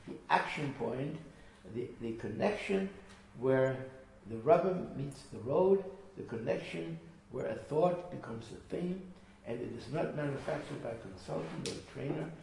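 A man's voice: mid-range voice, creaky, darkish tone. A man teaching a small group, earnest and emphatic, often repeating his phrases. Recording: echoey room from far off with faint noise.

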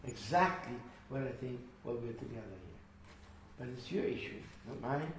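A man's voice: medium pitch, expressive, moderate pace. A man teaching a small group, earnest and emphatic, often repeating his phrases. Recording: echoey room from far off with faint noise.

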